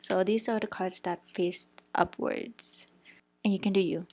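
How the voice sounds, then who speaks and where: A woman's voice: medium pitch, steady tone, unhurried, darkish tone. Young woman doing a pick-a-card tarot reading, chatty, trips over words, drops to a whisper now and then. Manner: chatty, thinks aloud, stumbles over crystal names, some whispered words. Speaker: tarot reader.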